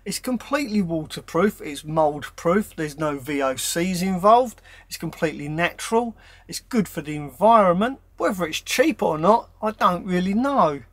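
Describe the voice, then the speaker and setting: A man with a high voice hosts a chatty question-and-answer vlog from inside his camper van. He talks upbeat and friendly. The sound is dry and close. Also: expressive, moderate pace, a bit bright, no room sound. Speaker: van life vlogger.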